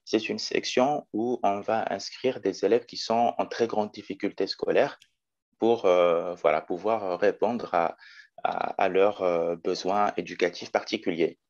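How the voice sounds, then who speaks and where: A man's voice: low voice, fairly even intonation, a little slow, a little mellow, dull audio. A man in his twenties from Morocco, a teacher talking as a guest in a casual interview, thoughtful with many hesitations. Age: 20s. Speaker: guest, special education teacher.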